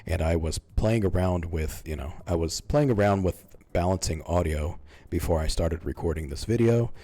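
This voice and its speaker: Deep-voiced man, monotone gaming commentary. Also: moderate pace. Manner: self-described monotone, relaxed and mumbling. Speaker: gaming YouTuber. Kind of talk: casual gameplay commentary. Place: home streaming setup, leaning back. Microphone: close microphone in front of mouth.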